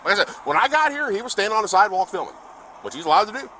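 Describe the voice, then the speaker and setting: A man's voice: high voice, big pitch swings, rapid-fire, sharp tone, poor audio. A male police officer on duty outdoors, chatty and explaining things in a rush, recorded on a body camera. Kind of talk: on-duty conversation on body cam. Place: outdoors on a street by a bank. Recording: body cam with faint street noise.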